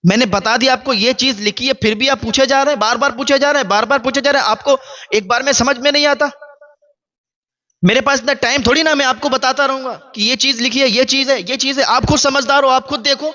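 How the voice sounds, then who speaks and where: A man voicing an impatient grown son who scolds his old father loudly and quickly. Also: very high voice, fairly even intonation, dull audio, voice pushed up. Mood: angry scolding. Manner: shouting fast and scolding.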